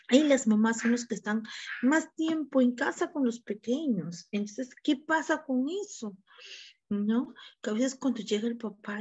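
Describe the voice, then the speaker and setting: A woman's voice: mid-range voice, darkish tone, slightly rough, highs cut off. A woman teacher with a Peruvian accent, lecturing her class, often asking tag questions and repeating words as she goes. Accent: Peruvian Spanish.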